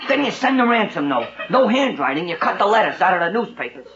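A bossy, wisecracking New York kid who talks like a mobster in a vintage radio comedy. The voice is extremely high and swoops about. It comes over a dull recording with a studio audience. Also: male voice, sing-song, fast talker, echoey room, crowd noise. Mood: bossy, cocky. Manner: bossy gangster slang, wisecracking. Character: brash wisecracking boy playing a tough gangster. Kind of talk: 1940s-50s radio comedy acting.

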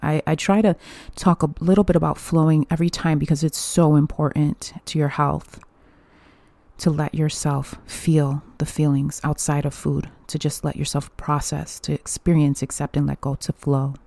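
In a casual monologue on her solo podcast, a young woman talks candidly and chattily, swearing and laughing often. Her low, warm voice has vocal fry and little pitch movement, at normal speed with no room sound.

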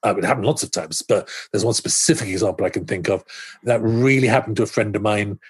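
A man's voice: lowish voice, fast talker, husky. A middle-aged man being interviewed as a screenwriter, talking animatedly, often restarting his sentences and acting out his own thoughts. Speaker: screenwriter guest. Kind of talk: podcast interview conversation.

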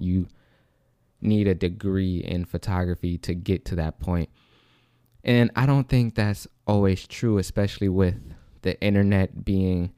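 Breathless young man, low and dark. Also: no room sound, clean studio sound. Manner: rambling, repeats and restarts, says "like" and "low-key". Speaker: podcast host. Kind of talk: casual solo podcast monologue.

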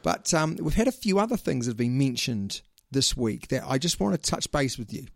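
Man, New Zealand accent, mid-pitched, casual sports chat, teasing, slangy, dry sound. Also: sing-song, a little fast, creaky, no echo. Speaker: sports podcast host.

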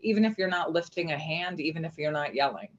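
A woman's voice: sits low, animated, quick pace. A middle-aged woman, a podcast guest, talking earnestly and reflectively with many restarts. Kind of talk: casual conversational interview. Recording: dull lo-fi remote audio.

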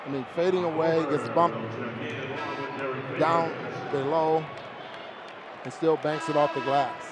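A man giving color commentary on a basketball broadcast, talking in a relaxed, conversational way with some halting restarts. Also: fairly high pitch, loud music behind the voice, over a noisy crowd. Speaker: color analyst.

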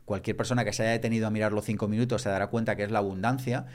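A man's voice: fairly low pitch, steady tone, very fast. A man, a podcast guest talking reflectively and with emphasis in a conversational way.

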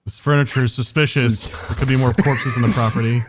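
A man playing in a tabletop game in a deadpan manner. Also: mid-range voice, fast. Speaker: player. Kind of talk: tabletop role-play chat. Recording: loud noisy mic with clicks.

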